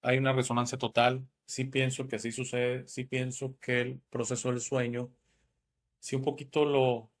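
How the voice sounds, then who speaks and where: A man's voice: medium pitch, flat delivery, moderate pace. A man from northern Italy, the host, telling a personal story in a reflective, casual way. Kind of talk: casual chat.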